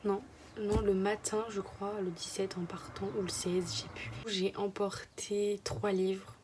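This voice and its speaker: A woman's voice: medium pitch, flat delivery, measured pace, a little mellow, slight background noise. A young woman from France chatting casually to her phone camera in a vlog, rambling and sometimes dropping to a whisper. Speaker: vlogger.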